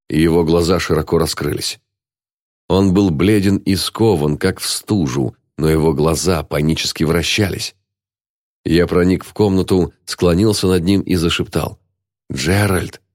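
A man narrating a story in an audiobook in a measured storytelling manner. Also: sits low, a little mellow, no room sound, studio quality.

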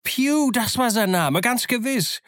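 A man voicing a cunning, blustering one-legged old sea cook with gruff, booming outbursts, in an audiobook. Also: sing-song, moderate pace, a bit bright, dry recording, studio quality. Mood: excited. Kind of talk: audiobook character voice.

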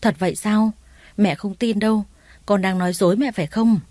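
A woman's voice: medium pitch, steady tone, moderate pace, mellow, dry recording, close to an everyday voice. Woman voicing a doting older mother-in-law. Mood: bewildered.

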